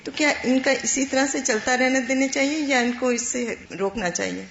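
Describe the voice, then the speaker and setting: A woman's voice: high-pitched, gravelly, fairly bright tone, slight background noise. Polite woman asking a question. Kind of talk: question in class. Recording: roomy, dull lo-fi classroom recording.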